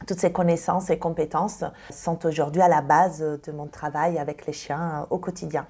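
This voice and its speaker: A woman in her thirties from Italy, a dog trainer answering interview questions thoughtfully with many pauses and fillers. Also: deep voice, fairly even intonation, dark tone, husky. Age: 30s.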